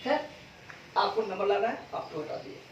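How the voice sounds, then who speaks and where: A man teaching a physics class, repeating key terms slowly and quizzing students with call-and-response questions. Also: sits high, lively intonation, a little hiss or hum. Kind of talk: classroom lecture. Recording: echoey, distant, dull classroom recording.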